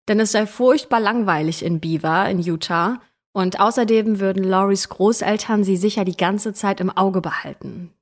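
A woman co-hosting a true crime podcast, telling the story dramatically and giving careful content warnings. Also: medium pitch. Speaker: podcast co-host.

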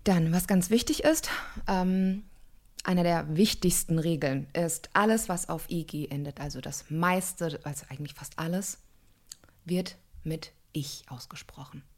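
A woman's voice: on the low side, normal speed. A woman working as a speech coach, teaching pronunciation in a matter-of-fact, instructive way on a podcast.

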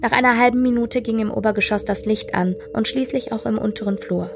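A woman narrating a story in a steady, measured way. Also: a little high, vocal fry. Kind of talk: storybook reading.

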